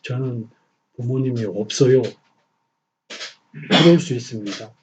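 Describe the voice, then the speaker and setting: A middle-aged man preaching a Sunday sermon in a small church, swinging from loud emphasis to soft near-whispers. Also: medium pitch, breathy edge, highs cut off. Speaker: pastor.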